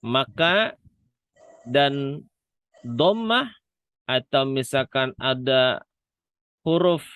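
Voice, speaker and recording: Slow, patient male Quran reading teacher. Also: mid-range voice, lively intonation, a bit bright, clean tone, no echo. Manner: slow, patient, demonstrates letter sounds repeatedly. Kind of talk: online Quran reading lesson.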